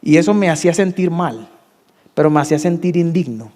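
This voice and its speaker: A man in his thirties with a Colombian Spanish accent, telling his testimony in a sermon, swinging between hushed confession and emphatic peaks. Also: expressive, fairly quick, big-room sound. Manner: emotional storytelling, dropping to hushed tones and rising to emphatic highs. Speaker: preacher.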